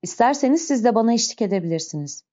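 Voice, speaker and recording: A woman reading as a quiet, dignified man who keeps his voice low and calm as he makes his requests. The tone is mellow and dark, with a slightly muffled recording. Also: racing, close to an everyday voice. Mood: urgent. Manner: soft, calm, pleading quietly. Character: calm, dignified middle-aged man under arrest.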